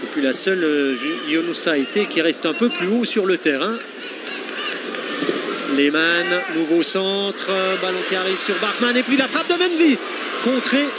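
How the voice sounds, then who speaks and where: A man giving excited live football commentary, exclaiming and repeating phrases for emphasis. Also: sits high, normal speed. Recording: loud stadium crowd noise behind commentary. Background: stadium crowd and loud outdoor ambience.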